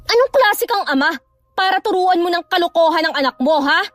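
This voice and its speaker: An actress playing a furious, sharp-tongued pregnant young wife who hurls threats in a horror audio drama. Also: female voice, animated, a little fast, no echo. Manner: shouting threats, shrill. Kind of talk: Filipino radio-style horror drama acting.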